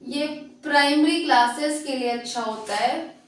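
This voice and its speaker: High-voiced woman teacher in an echoey room. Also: measured pace, recorded from a distance. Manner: explains step by step, repeats key terms, corrects herself. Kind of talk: exam prep lesson. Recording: echoey room, voice set back from the mic.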